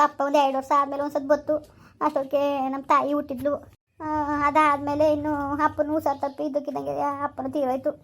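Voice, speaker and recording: A woman with a rural Kannada accent who hosts a village channel and acts out a homemade family drama in a fast, plaintive way. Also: sits high. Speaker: channel host and storyteller.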